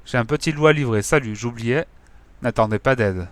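A man's voice: mid-range voice, moderate pace, dry recording, lightly acted. A man reading a storybook aloud, voicing a mocking male animal smuggler who chuckles and talks in slang. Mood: sneering.

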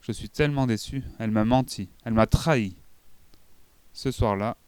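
A man reading a children's book aloud in an expressive storytelling manner. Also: lowish voice, normal speed, clean tone, no echo. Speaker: audiobook reader. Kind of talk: scripted narration of a children's book.

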